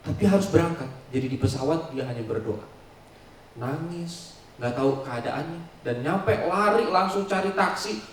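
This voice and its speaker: A male pastor telling a story in a sermon, with a dramatic delivery that swings between loud and soft. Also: mid-range voice, a little hiss or hum. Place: large church hall. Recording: echoey church hall, mic at distance.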